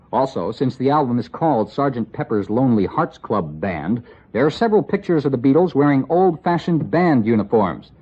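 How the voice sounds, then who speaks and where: A man's voice: mid-range voice, breathy edge. A man narrating a scripted radio report with wry, dry asides. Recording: lo-fi 1960s radio broadcast.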